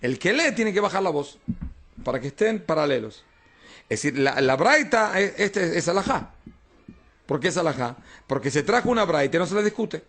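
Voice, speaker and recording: A man's voice: on the high side, big pitch swings, moderate pace, fairly bright tone. A man, a rabbi, teaching an informal Talmud class, explaining texts and often checking that his students follow.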